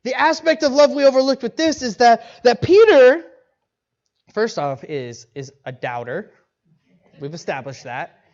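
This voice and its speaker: A male pastor preaching in a casual, conversational way, animated and acting out bits of dialogue, often restarting his sentences. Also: very high-pitched, unhurried. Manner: animated, acts out quoted dialogue, frequent restarts and laughs. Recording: dull lo-fi recording.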